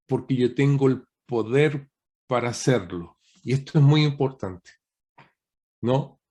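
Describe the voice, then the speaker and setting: A man's voice: medium pitch, warm tone. A man, a guest pastor, preaching a teaching sermon over a video call, asking rhetorical questions and often ending points with a questioning tag.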